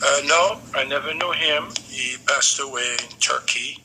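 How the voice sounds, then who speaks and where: A Morocco-born man in his seventies recalls his childhood for his grandson over a video call, unhurried and pausing often on "uh". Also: mid-range voice, pushed and bright, slight background noise, low-quality recording. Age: 70s. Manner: unhurried reminiscing, pauses often on "uh". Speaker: grandfather being interviewed. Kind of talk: remote family interview.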